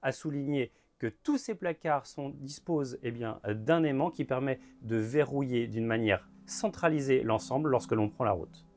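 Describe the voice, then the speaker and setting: A man in his thirties gives a guided tour inside a motorhome at a trade fair, talking in a measured way with frequent filler words. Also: mid-range voice, darkish tone. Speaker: motorhome show presenter. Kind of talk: guided vehicle walkthrough.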